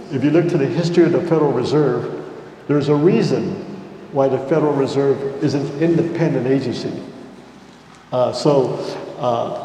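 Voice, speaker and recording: A middle-aged or older man with an American accent gives unscripted, measured and explanatory remarks as a panelist. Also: mid-range voice, dark tone. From United States. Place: large reverberant indoor hall. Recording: echoey hall, faint background noise.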